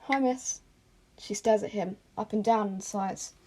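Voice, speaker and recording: Her mid-range voice is level, dark, and edged with breath, moving at normal speed as she reads fan fiction aloud. The amateur woman is informal and self-conscious, often stumbling and repeating lines, with retakes and asides.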